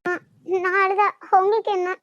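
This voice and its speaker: A woman's voice: very high-pitched, level tone, normal speed, a bit bright, dry recording, highs cut off. A woman with a Kanyakumari Tamil accent voicing a hurt young heroine who complains and pleads. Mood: upset. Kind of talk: cartoon voice acting.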